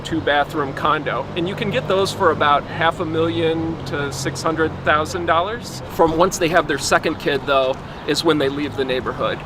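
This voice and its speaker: A man, a local resident, chatting casually and explaining at length, relaxed and full of fillers like "like" and "you know". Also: on the high side. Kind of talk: casual chat. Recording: outdoor street recording with traffic noise.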